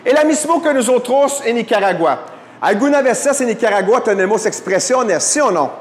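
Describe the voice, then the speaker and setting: A man's voice: very high-pitched, expressive, normal speed, a little hiss or hum. A man teaching a Bible class to a live audience, often checking in with questions and slipping in English fillers. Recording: echoey hall.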